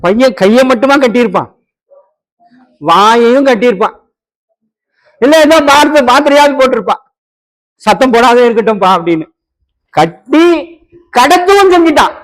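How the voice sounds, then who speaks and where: A man's voice: very high-pitched, animated, normal speed, long pauses, a bit bright, rough recording. A man preaching a sermon as an evangelist, acting out dialogue and rising to emphatic peaks. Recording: online radio broadcast.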